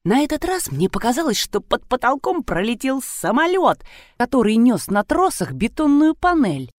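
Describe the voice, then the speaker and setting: A woman narrating a comic audiobook in an expressive, storytelling manner. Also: on the high side, moderate pace, no room sound, clean studio sound. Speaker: audiobook reader.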